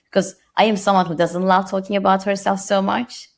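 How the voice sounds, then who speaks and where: A woman from Turkey in her thirties, guesting on a podcast interview, has a gravelly medium-pitched voice, a level tone, and a fairly quick delivery. She speaks with a Turkish accent, reflectively and modestly, with many restarts.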